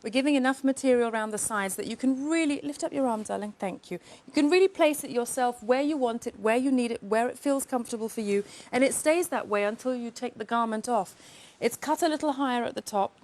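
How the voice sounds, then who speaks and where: A woman representing a shapewear brand on a TV shopping show, giving an effusive sales pitch and calling viewers darling and girls. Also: fast, hardly any pauses, darkish tone.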